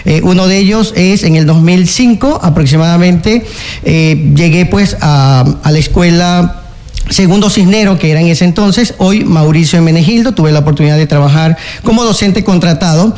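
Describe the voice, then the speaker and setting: A man's voice: high voice, normal speed, darkish tone. A man, a guest on a radio interview, speaking earnestly with many fillers and restarts. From Ecuador. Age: 40s. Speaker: interview guest, local candidate and teacher.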